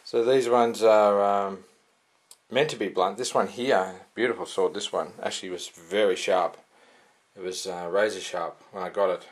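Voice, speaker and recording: A man's voice: on the low side, fairly even intonation, normal speed. A man giving a casual, rambling product review with many fillers and restarts. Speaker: sword reviewer.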